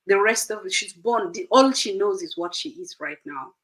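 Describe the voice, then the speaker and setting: A woman's voice: medium pitch, normal speed, a crowd in the background, rough recording. A middle-aged woman from Uganda, a guest in an interview, earnestly giving advice and acting out conversations with her children.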